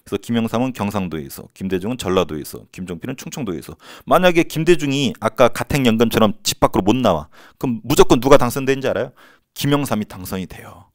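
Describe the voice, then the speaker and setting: A male history teacher talking in a loose, animated lecture style, now and then breaking into shouted chants and acted-out lines. His voice sits at a middle pitch. It sounds dry and close, with no room echo. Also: quick pace. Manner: animated, acts out quotes and chants. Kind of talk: casual lecture.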